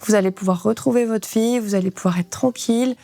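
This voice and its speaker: A woman's voice: a little high, fast, vocal fry, dark tone, no echo. A woman quoting an apologetic hospital doctor who tries to reassure, in her own voice, within a story. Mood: soothing. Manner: soothing, apologetic.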